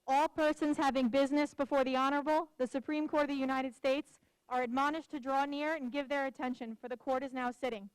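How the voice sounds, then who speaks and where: A woman acting as court bailiff, calling out a formal ceremonial proclamation loudly in the manner of a town crier. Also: high voice, steady tone, fairly quick, dry recording, rough recording.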